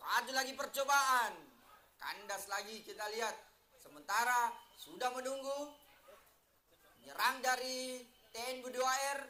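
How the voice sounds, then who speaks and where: A man's voice: very high-pitched, measured pace, pauses often, sharp tone, roomy sound. A man giving live football commentary in short, separated phrases, like a stadium announcer.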